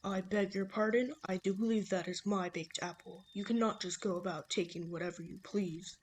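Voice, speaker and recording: A woman's voice: mid-range voice, steady tone, normal speed, slight background noise, close to an everyday voice. A woman doing a stiff, formal impression of a lonely old hermit man with a dry sense of humor, reading game dialogue aloud. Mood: teasing.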